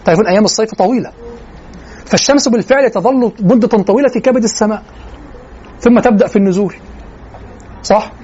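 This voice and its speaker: A man teaching a lesson on classical poetry, explaining verses line by line and reciting them slowly. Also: sits high, warm tone. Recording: dull lo-fi recording with faint noise.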